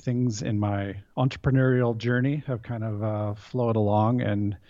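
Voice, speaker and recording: A man's voice: lowish voice, steady tone, measured pace, mellow, no echo. A man in his thirties with a Canadian accent, a guest in a casual interview, rambling with many fillers and restarts. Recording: dull, dry lo-fi sound.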